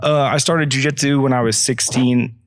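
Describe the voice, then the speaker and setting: A man's voice: mid-range voice, steady tone, moderate pace, no echo, studio quality. A man in his thirties, a guest gym owner, explaining things in easygoing, frank casual chat. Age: 30s.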